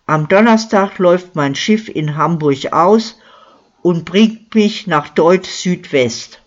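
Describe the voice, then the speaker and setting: Narrator's take on a smug boastful miller man, slow and self-important, dull lo-fi sound. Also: high voice. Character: boastful lying male village miller, smug. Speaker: character in a crime story. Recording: dull lo-fi recording.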